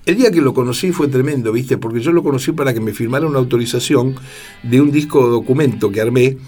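A man with a Rioplatense Spanish accent, a record producer telling lively anecdotes in an interview and acting out the voices of the people he quotes. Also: mid-range voice, quick pace, husky, soft background music. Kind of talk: storytelling interview.

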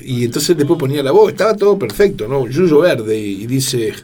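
A record producer with a Rioplatense Spanish accent tells lively anecdotes in a storytelling interview, acting out the voices of the people he quotes. His voice is medium-pitched and his pace moderate.

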